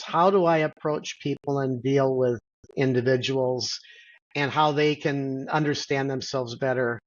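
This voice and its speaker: Middle-aged man, measured explaining voice, lots of ums, muffled lo-fi video call sound. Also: mid-range voice, a bit bright. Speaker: physician guest. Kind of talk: interview answer.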